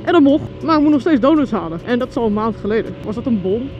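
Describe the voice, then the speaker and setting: A woman motovlogging while riding through city traffic, chatty and excitable, talking to her viewers. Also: a little high, fast talker. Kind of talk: casual chat while riding. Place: outdoors in city traffic on a scooter. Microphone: helmet mic. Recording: dull lo-fi helmet audio with music. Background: music.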